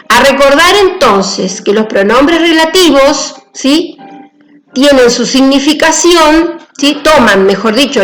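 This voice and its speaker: A woman's voice: high-pitched, reverberant, poor audio. A woman teacher giving a grammar lesson, patient and careful, often checking in with her students. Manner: patient, repeats key points with "¿sí?".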